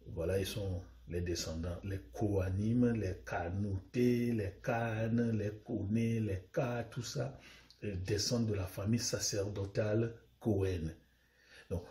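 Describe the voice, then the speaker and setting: Man, lively pitch, rhetorical lecturer who repeats his questions and sinks to a near-whisper. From Mali. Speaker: lecturer on names and history. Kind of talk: spoken lecture. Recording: roomy echo.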